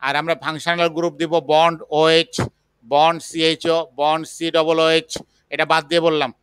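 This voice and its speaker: Bright, clear-voiced male chemistry teacher. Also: a little high, flat delivery, dry recording. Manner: slow, patient dictation. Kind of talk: classroom lecture.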